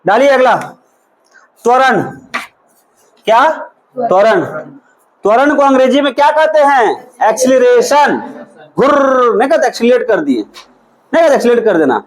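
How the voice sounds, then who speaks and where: A man's voice: very high-pitched, animated, a little slow, long pauses, poor audio. A male teacher giving a physics lesson in a classroom, quizzing his students and repeating each question and answer back to them.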